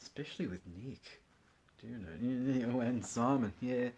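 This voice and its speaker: Slow, wry man. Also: mid-range voice, a little mellow, lo-fi sound. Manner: wry, jokey asides. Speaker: record collector vlogger. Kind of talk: casual chat while unboxing records.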